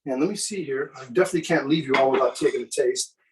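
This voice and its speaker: A man presenting a live cooking demonstration for students, in a relaxed, chatty way with many fillers. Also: mid-range voice, fast talker, far from the mic, rough recording.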